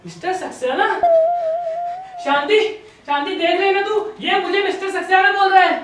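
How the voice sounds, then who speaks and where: A performer voicing a hot-tempered, forgetful middle-aged father who shouts and scolds. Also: very high voice, normal speed, heavy reverb, recorded from a distance, loud music behind the voice. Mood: angry.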